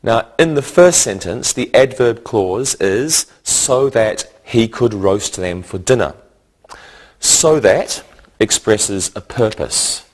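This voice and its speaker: In a scripted lesson on English grammar, a man speaks in a mid-range voice. He is slow and deliberate like a teacher, presenting each point as a short phrase.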